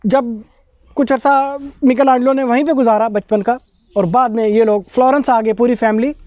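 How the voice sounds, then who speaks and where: A man presenting a casual explanatory video, talking unhurriedly and pausing to search for words. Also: very high voice, fairly even intonation, a little mellow, dry recording. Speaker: video presenter on art history. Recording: dull lo-fi dry recording.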